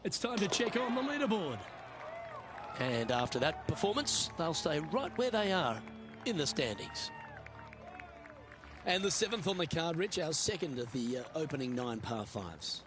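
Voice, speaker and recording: An actor playing a golf commentator in a video game, calling play in short, measured remarks. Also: male voice, fairly high pitch, sing-song, crowd noise. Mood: composed, admiring. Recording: clear outdoor background noise.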